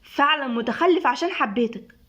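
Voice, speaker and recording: A woman voicing a jealous, hot-tempered young man who scolds loudly, with an Egyptian accent. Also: a little high, quick pace, close to an everyday voice. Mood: angry.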